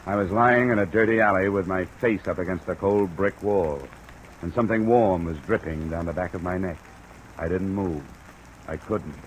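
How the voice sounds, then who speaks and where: A male actor with a deep, natural voice plays a tough, wry, dogged and dry American private investigator in a 1950s radio noir drama. He narrates in the first person and talks tersely on a noisy old radio recording with steady hiss.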